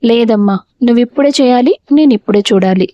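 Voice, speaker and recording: A woman's voice: fairly high pitch, a little fast, warm tone, no echo, close to an everyday voice. A woman reading as a cold, defiant young man. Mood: cold pointed. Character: quiet grown son turning defiant. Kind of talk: audio storybook reading. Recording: dull, dry lo-fi recording.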